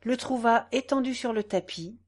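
A woman narrating a novel in a dramatic, measured audiobook reading, pausing between phrases. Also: fairly high pitch, darkish tone.

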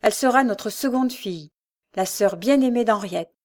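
A woman's voice: medium pitch, normal speed, darkish tone, close to an everyday voice. A woman voicing an overjoyed, eager poor working man in an audiobook, speaking in exclamations. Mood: joyful. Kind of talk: audiobook character voice.

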